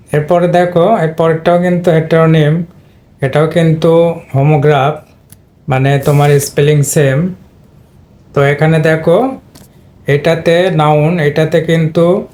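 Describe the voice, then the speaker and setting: A man's voice: a little high, darkish tone. A man teaching English pronunciation, explaining patiently and repeating words for his students. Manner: patient, repetitive, addresses students informally. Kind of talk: explaining lesson at a board.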